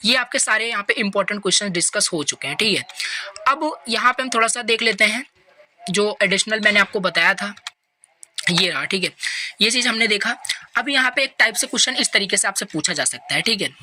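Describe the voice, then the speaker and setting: A man giving an online exam-revision lecture, explaining patiently and reading English lines out slowly. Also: sits high, lively intonation, pushed and bright, a little hiss or hum. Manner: leans on tags like "right?" and "over here". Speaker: exam-prep tutor.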